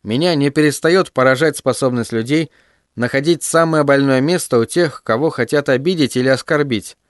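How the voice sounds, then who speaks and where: A middle-aged man narrating an audiobook in a vivid, expressive storytelling manner. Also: mid-range voice, moderate pace, no echo, clean studio sound.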